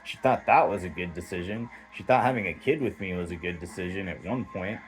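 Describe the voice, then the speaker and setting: A man's voice: deep voice, a little fast, low-quality recording. A man delivering a heated, rambling, profanity-filled monologue straight to camera as a vlogger.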